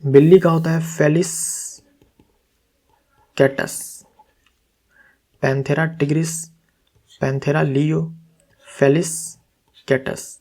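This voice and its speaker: A man's voice: on the high side, level tone, takes it slowly, pauses often, a little mellow. A man teaching as an exam-prep tutor, walking step by step through quiz answers, asking questions and answering them himself. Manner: corrects himself aloud.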